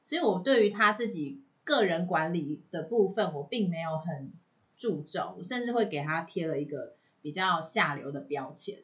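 A woman's voice: fairly low pitch, expressive, moderate pace. A woman co-hosting a casual chat in Taiwanese Mandarin, giving her own thoughtful views. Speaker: podcast co-host.

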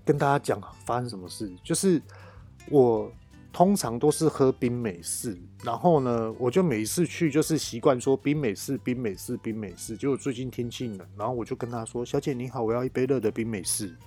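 A man's voice: medium pitch, moderate pace, dark tone, slightly rough, faint music behind. A young man hosting a casual solo podcast, telling rambling, self-mocking stories. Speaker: podcast host.

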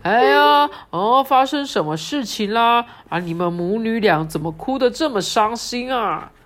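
A woman's voice: fairly high pitch, expressive, measured pace, pitched above the performer's own voice. A woman voicing a flustered dinosaur father in a storybook, fussing and eager to please. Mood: worried.

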